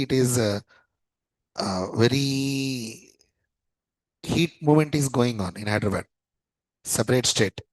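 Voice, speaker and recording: A man's voice: medium pitch, dry recording, poor audio. A man in his thirties with an Indian English accent, lecturing a class in a chatty way and often repeating his phrases. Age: 30s. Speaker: teacher.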